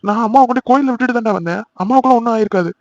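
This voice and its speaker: A man's voice: extremely high pitch, very fast, no echo. A man voicing a worried, protective young man in an amateur cartoon, talking earnestly and pleading. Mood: anxious. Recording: dry, slightly dull lo-fi recording.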